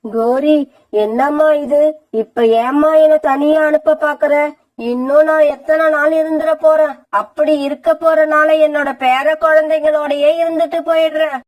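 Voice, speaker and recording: A woman voicing an elderly grandmother bird in a cartoon, gently pleading to stay with her grandchildren. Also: sits high, fairly even intonation, normal speed, pitched above the performer's own voice, lightly acted.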